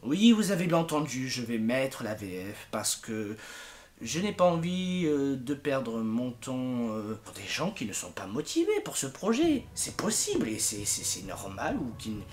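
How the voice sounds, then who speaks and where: A young adult man, a fandub project leader who also makes videos, announces something casually and informally in a sing-song, darkish, medium-pitched voice that runs a little slow. He comes across as exasperated and emphatic, with comic exaggeration.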